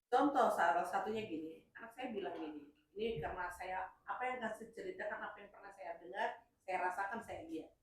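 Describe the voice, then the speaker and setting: A middle-aged woman sharing stories at a group training session, telling them in an animated way, with sudden jumps in pitch and loudness. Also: fairly quick. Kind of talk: casual speech at a group session. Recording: echoey room from far off.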